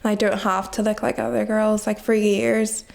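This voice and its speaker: A nineteen-year-old Nigerian woman reflects as a guest in a casual interview, leaning heavily on "like" as filler. Her mid-range voice is level, gravelly, and darkish, at a normal speed.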